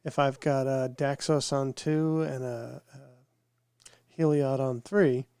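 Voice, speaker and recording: A man's voice: medium pitch, steady tone, takes it slowly, vocal fry, a little mellow, clean tone, no echo, studio quality. A man co-hosting a podcast, talking casually and rambling, his voice nasal from a cold. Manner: rambling, repeats words as he thinks. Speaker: podcast co-host. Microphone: podcast microphone with headphones.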